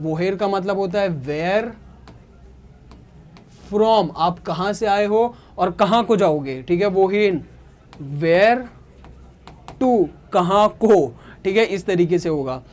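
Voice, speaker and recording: Here a German teacher from India, whose voice is high with a darkish tone, guides beginners slowly through new vocabulary by repetition. He explains with patience and regularly stops to see if everyone understands.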